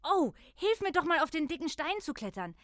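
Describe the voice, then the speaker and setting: Woman as a high-pitched, animated young girl. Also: brisk, no room sound, clean studio sound. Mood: urgent. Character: lively young girl, playful, easily spooked. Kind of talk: scripted children's audio drama acting.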